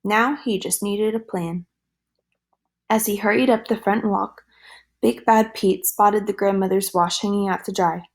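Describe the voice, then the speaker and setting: A woman reading a children's storybook aloud in a gentle, lively storytelling manner. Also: mid-range voice, measured pace.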